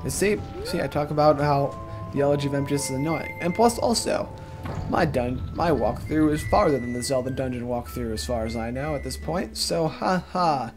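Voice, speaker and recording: Male walkthrough narrator, casual and wisecracking, mid-pitched voice, game music playing loud underneath. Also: fairly quick. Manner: joking, self-deprecating, rambling asides. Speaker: gaming walkthrough commentator. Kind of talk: casual let's-play commentary.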